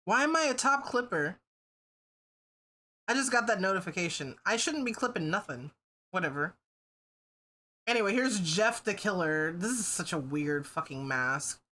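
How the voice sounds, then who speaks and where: A woman's voice: lowish voice, animated, moderate pace, long pauses, bright, forceful tone. A woman livestreamer chatting casually with her viewers, swearing freely and laughing often. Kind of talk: casual stream chat.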